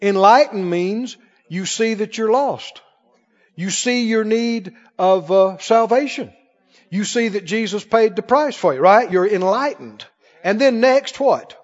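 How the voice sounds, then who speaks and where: Before a congregation in a large church hall, a man with a high-sitting voice preaches a little slowly, teaching from the Bible. He's emphatic and asks questions as he goes, and the audio is muffled with a big-hall echo.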